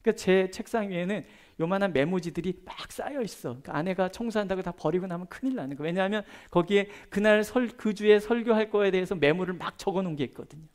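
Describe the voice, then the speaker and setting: Storytelling middle-aged Korean pastor preaching. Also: male voice, sits high, quick pace, hardly any pauses. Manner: conversational, tells personal stories with gestures; swings between loud emphasis and soft, hushed asides. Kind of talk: Thursday prayer-meeting sermon.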